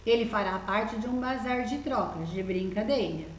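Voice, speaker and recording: A woman's voice: fairly high pitch, normal speed, reverberant, slight background noise, low-quality recording. A Brazilian woman teaching primary school children in a recorded lesson, patiently coaxing them with many questions as she walks through a workbook. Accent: Brazilian Portuguese.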